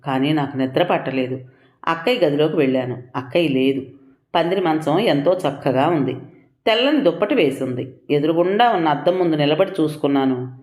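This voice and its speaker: Low-voiced woman narrating a story. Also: a little fast. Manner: calm, reflective reading. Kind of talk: first-person audio story narration. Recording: echoey room.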